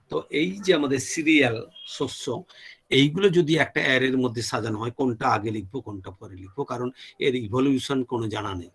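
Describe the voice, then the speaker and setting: A man delivers a classroom lecture at a medium pitch. He spells out terms word by word, as if for note-taking, and switches into English for the technical phrases. Now and then he stops to ask whether everything is clear. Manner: dictates terms slowly, mixes English terms into Bengali, checks with "clear?".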